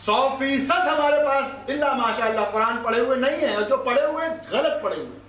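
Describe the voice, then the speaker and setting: A man's voice: extremely high pitch, animated, a bit bright. A man with a Pakistani Urdu accent teaching Quran commentary, reciting verses and then explaining them with scolding rhetorical questions. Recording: echoey hall, distant mic, faint hiss.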